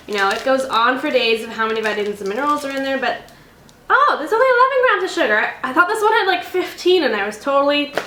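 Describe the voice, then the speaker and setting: A woman's voice: on the high side, pushed and bright. A young woman chatting casually on her vlog, rambling and correcting herself as she reviews snacks. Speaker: beauty and lifestyle vlogger. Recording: echoey home room with faint noise.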